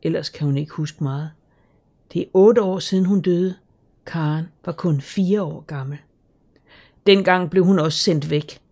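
A woman calmly narrating a children's story in a measured, scripted reading. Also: on the low side. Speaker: audiobook narrator.

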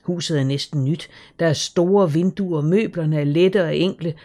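Woman, storybook narration, calm, measured, warm, lowish voice. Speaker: audiobook narrator.

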